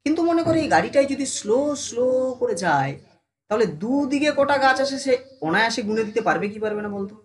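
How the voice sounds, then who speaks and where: A teacher giving a casual online class who speaks familiarly to the students, keeps asking if they follow, and slows down to sound out syllables one by one. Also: mid-range voice, lively intonation. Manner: addresses students familiarly, asks them constant check questions.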